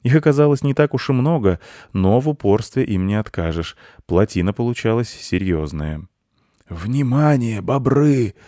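Low-voiced man reading a storybook. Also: moderate pace, few pauses, mellow, dry recording, clean studio sound. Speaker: narrator. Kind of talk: storybook narration.

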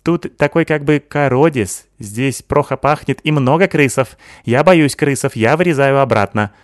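A man's voice: mid-range voice, moderate pace, no echo, clean studio sound, voice pushed up, lightly acted. A man voicing a vain, fussy young woman who lisps, swapping z for zh, and talks in a whiny, indignant way. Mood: fearful. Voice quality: lisping, says z for zh.

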